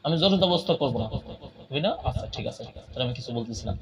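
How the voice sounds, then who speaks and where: A man's voice: medium pitch, expressive, racing, a little hiss or hum, rough recording. A man working as an exorcist faith healer, speaking in an insistent, confrontational and preaching way. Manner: confrontational, insistent repeated questioning. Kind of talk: loud ritual interrogation and preaching.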